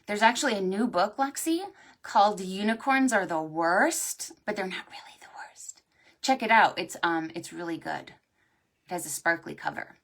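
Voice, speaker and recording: This preschool storytime host, livestreaming from home or indoors, has a gravelly, mid-range voice. She reads to young children and chats with them, expressive and sing-song throughout.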